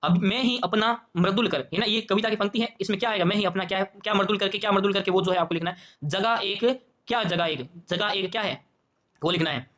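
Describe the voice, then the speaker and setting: A man with a Rajasthani Hindi accent goes through an exam paper. His voice sits high and his pace is quick. He keeps asking questions aloud and repeating them the way a teacher does. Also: a bit bright. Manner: quizzing, repeats questions and answers to himself. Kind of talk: exam paper walkthrough lesson.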